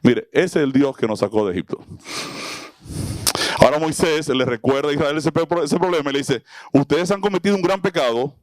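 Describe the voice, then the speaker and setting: A man's voice: a little high, a little fast, a little mellow, no echo. A man teaching a Bible lesson to a small audience, asking them questions and acting out little scenes. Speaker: preacher teaching a Bible class. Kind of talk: sermon-style Bible teaching.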